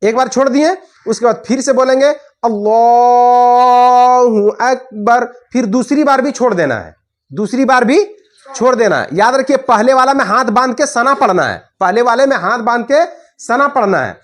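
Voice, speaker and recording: A woman teaching how to pray. She checks in with listeners often, repeats each step and asks it back, recites the Arabic prayer words slowly and drawn out, and moves through the prayer postures as she talks. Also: fairly high pitch, expressive. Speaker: religious teacher. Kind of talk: prayer instruction with demonstration.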